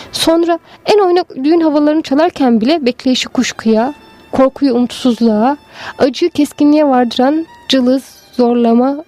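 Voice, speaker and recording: A woman giving a slow, measured, lyrical literary narration of a story. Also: high-pitched, mellow. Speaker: story reader.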